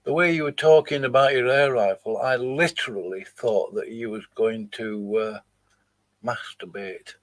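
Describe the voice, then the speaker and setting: A man hosting his own channel delivers live commentary on clips he plays, sounding mocking and dismissive. His mid-range voice keeps a steady tone at a moderate pace.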